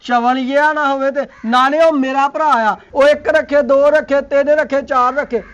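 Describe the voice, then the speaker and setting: A man's voice: extremely high pitch, steady tone, moderate pace, fairly bright tone, lo-fi sound. A man playing the husband's brother, brash and insulting toward the others. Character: husband's brother, a loud defender of his brother.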